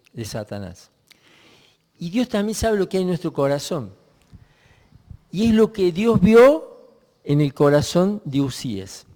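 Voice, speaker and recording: A man preaching in a reflective way, his voice fairly high for a man but dark and mellow. He pauses and restarts his sentences as he works through a passage. A long reverb trails behind his voice. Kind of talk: sermon.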